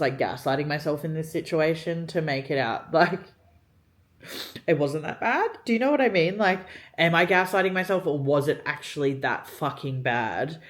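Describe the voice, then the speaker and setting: A young woman telling a story while getting ready, chatty, swearing often and filling her talk with "like". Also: sits low. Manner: chatty, heavy swearing, many "like" fillers. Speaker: vlogger.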